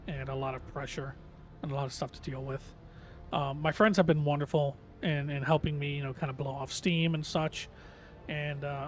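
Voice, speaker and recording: A man livestreaming a game in casual, earnest, hesitant chat, his voice slightly reedy and tired from long talking. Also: a little high.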